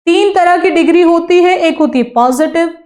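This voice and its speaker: A young woman with an Indian English accent teaching grammar to a class, repeating her questions and drawing out words slowly as she models sounds. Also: very high voice, darkish tone. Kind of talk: classroom lecture to students.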